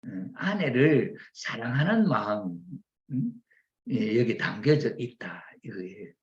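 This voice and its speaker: 가족 대화를 흉내 내는 남자 설교자. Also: male voice, medium pitch, a little slow, lo-fi sound. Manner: acts out family dialogue in lively voices. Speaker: church minister. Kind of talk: sermon commenting on members' reports.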